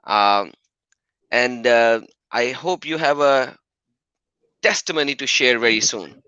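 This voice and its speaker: A man hosting a casual live stream, enthusiastic and quick to laugh. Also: mid-range voice, bright, forceful tone, clear, resonant tone, dry recording. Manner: upbeat, enthusiastic, laughs often. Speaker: livestream host. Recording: dry, dull lo-fi stream audio.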